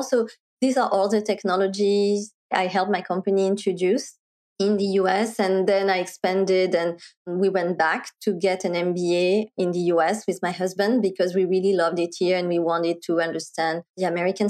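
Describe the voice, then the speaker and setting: A woman's voice: mid-range voice, a little mellow. Middle-aged french woman, french accent, articulate, guest on an interview, chatty and laughing a bit. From France. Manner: articulate, explanatory, laughs lightly while talking. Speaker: guest, marketing executive. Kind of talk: conversational interview.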